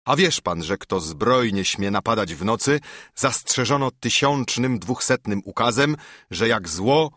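A man's voice: lowish voice, animated, unhurried, a bit bright, no echo, studio quality. A man doing a pompous, officious official. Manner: officious, hectoring.

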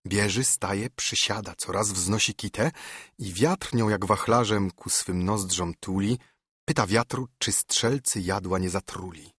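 Husky-voiced male verse narrator. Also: fairly low pitch, fairly bright tone, dry recording, clean studio sound. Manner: measured, rhythmic verse delivery. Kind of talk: audiobook reading of epic verse.

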